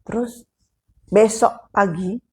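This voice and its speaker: A woman's voice: medium pitch, steady tone, slow, husky. A woman with a Sundanese accent casually telling a horror story, chatty and addressing the listener directly as she goes.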